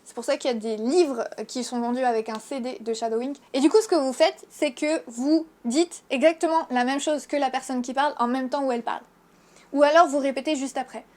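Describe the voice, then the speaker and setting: High-voiced chatty French woman teacher. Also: steady tone, a little fast, a little mellow. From France. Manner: chatty, frank, lots of fillers. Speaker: Japanese teacher and YouTuber. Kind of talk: casual video lesson.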